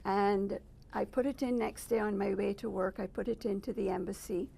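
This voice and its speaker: A middle-aged woman from Barbados shares her testimony at an unhurried, thoughtful pace. Her voice sits in an average register with a gravelly edge of fry. She pauses often as she gathers her thoughts. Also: medium pitch, steady tone, dark tone. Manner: thoughtful, measured, with frequent pauses. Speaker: guest. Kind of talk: personal testimony interview. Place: residence.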